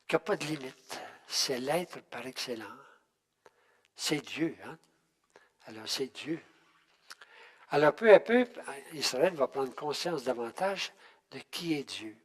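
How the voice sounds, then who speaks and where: A man's voice: mid-range voice, lively intonation. Older man teaching a Bible class. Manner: halting, with many restarts and tag questions. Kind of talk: unscripted Bible class talk.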